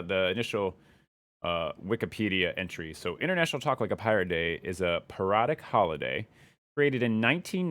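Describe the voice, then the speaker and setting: A young man chatting casually on a live stream, rambling and thinking out loud as he follows his curiosity. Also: deep voice, dry recording.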